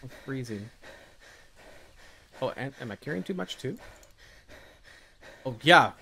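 A gameplay streamer thinks aloud casually while playing a survival game, unsure and often muttering to himself. His medium-pitched voice is gravelly, pushed and bright, expressive but slow. There's slight background noise.

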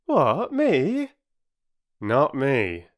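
A narrator reads a children's storybook character, an indignant working-class railway porter who is lofty, aggrieved, huffy, and speaks ungrammatically. The voice sits at medium pitch and is pushed up and lightly acted, expressive with a clean tone at a measured pace.

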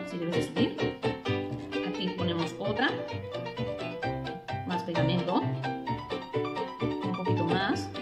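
A kindergarten teacher, singing and guiding small children through a lesson in a sing-song, encouraging way. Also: female voice, medium pitch. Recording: echoey room, far from the mic.

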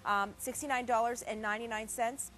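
Higher-pitched woman, home shopping host pitch. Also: fairly even intonation, brisk, fairly bright tone. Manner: chatty, emphatic, persuasive. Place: television studio set.

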